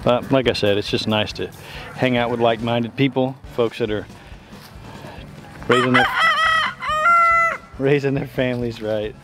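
A man casually narrating a vlog while walking outdoors around a farm, in a relaxed, rambling way. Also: mid-range voice, a little slow, pauses often, very noisy. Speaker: homestead vlogger. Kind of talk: casual walk-and-talk vlog.

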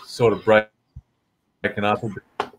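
A man's voice: lowish voice, level tone, measured pace, slight background noise. A man talking over a remote call whose audio keeps cutting in and out, so his volume is uneven. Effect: choppy call audio cutting in and out, uneven volume. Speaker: guest on a live stream call. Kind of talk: casual call-in chat. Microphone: remote call connection.

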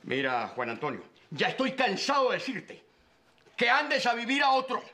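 An actor playing a sarcastic, mocking politician in a telenovela scene. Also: male voice, extremely high pitch, wildly swooping pitch, normal speed, bright, forceful tone, exaggerated voice. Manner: mocking, teasing and theatrical. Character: scoffing middle-aged male politician, sarcastic. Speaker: government official in a telenovela. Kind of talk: telenovela acting. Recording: soap opera scene with music behind.

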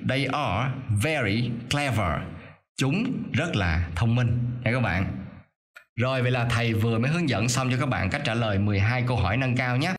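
A male teacher doing a voice-over for a lesson: he reads English sentences slowly and carefully, then explains them quickly. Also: medium pitch, animated. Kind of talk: explaining an English reading exercise.

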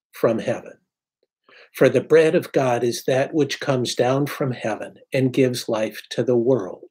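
An older man, a priest in his sixties, gives a sermon at a slow, deliberate pace. His voice is mid-pitched and a little husky, and he leaves reflective pauses. He is heard through a desk webcam in a book-lined study. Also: a little mellow. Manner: unhurried, reflective preaching with pauses. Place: home study with bookshelves.

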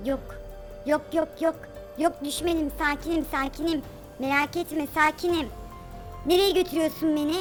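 A brash superhero mom, voiced by a woman for a comic game role-play, with a very high, piercing voice. She throws around rough street slang and fires her words off in quick repeated bursts. Faint music plays underneath.

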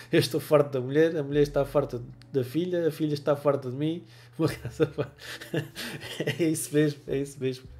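In a small home room, a photography livestream host in his forties talks into a wired earphone mic, casually reading viewer comments. He has a cold and a European Portuguese accent, laughs often and greets viewers by name. His delivery is brisk, a little high and dark, with fairly even intonation.

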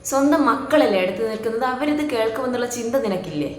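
A woman's voice: a little high, lively intonation, fast, a little mellow. Woman reaction YouTuber, scolding commentary, raised voice, echoey room. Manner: scolding, lecturing.

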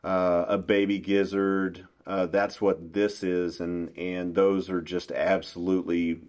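Middle-aged guy, real low voice, folksy fishing talk across a table, small room. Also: flat delivery, slow pace, a little mellow. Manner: folksy, explains in detail with frequent restarts. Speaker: bass fishing pro and bait maker. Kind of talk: casual explanatory interview.

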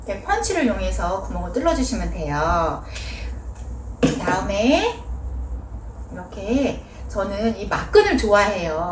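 Lively high-voiced woman teacher, echoey room. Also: recorded from a distance, slight background noise. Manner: gentle, coaxing teacher tone. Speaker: forest play teacher. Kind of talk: casual instructional talk.

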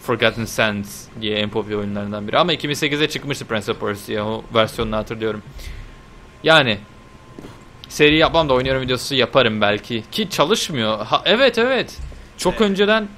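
A young man giving casual, chatty commentary while playing a video game, talking to the game and swearing lightly with sudden excited outbursts. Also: on the low side, brisk, a little hiss or hum. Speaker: gameplay video host. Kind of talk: casual let's-play commentary.

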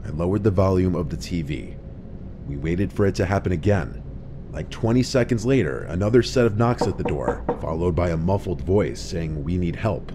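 A man narrating a first-person horror story in a low, hushed storytelling delivery. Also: animated, normal speed, noisy background. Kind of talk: scripted narration. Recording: faint music behind the voice.

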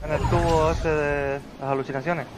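A man's voice: fairly high pitch, fairly even intonation, normal speed, crowd noise. A man making urgent, repeated callouts to his team during an online game. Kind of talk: fast team chatter during gameplay.

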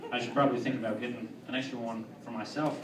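A young man performing a stand-up set in a comedy club, with a deadpan, halting delivery full of fillers and restarts. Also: medium pitch. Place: comedy club with live audience. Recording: roomy, distant club mic with crowd.

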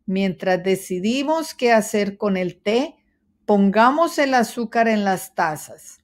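A woman voicing a small, worried male mouse with high, anxious exclamations in a children's storybook. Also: lively intonation, slow. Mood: eager.

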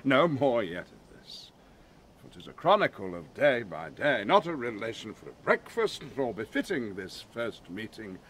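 A man's voice: mid-range voice, very animated, fairly bright tone. Man acting Prospero, a commanding duke, swooping delivery. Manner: theatrical, measured, formal. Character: Prospero, commanding wronged duke and grieving father. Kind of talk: Shakespearean audio drama acting. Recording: clear background noise, ambience.

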